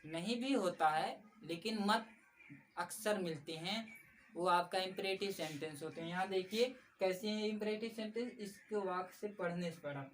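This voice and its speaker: A woman's voice: medium pitch, normal speed. Patient woman teacher, distant mic. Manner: patient, repeats key points, addresses viewers as friends. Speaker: English grammar teacher. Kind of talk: explanatory classroom lesson. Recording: slightly distant mic with faint background noise.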